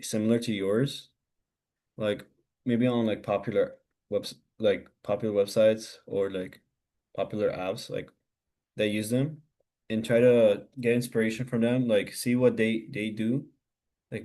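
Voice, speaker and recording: Casting: male mentor, low mellow voice, rambling casual advice full of fillers. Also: fairly even intonation, unhurried. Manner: loose, hesitant, many "like" fillers. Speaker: hackathon mentor.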